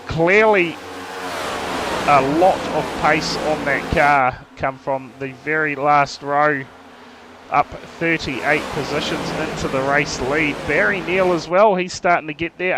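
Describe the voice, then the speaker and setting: New Zealand man commentating over loud engines. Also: on the high side. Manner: matey, slangy. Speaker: race commentator. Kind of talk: casual live motor racing commentary. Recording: loud engine noise throughout. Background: race car engines.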